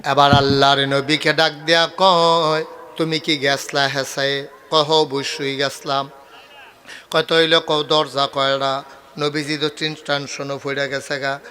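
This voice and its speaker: A man preaching a waz sermon, telling stories in dialect with acted dialogue and rising into loud cries. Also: on the high side, level tone, measured pace.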